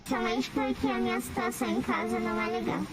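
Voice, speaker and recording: A woman's voice: a little high, steady tone, fast talker. A female interviewee whose voice is disguised with a distortion effect, giving short, hesitant answers in a news report. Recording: news clip with loud background noise.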